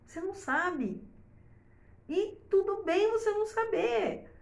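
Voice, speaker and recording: A woman's voice: very high voice, expressive, a little slow, gravelly. Chatty mother in an echoey room. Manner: chatty and rambling, with many fillers and tag questions. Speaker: mother giving parenting advice. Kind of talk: casual advice talk to camera.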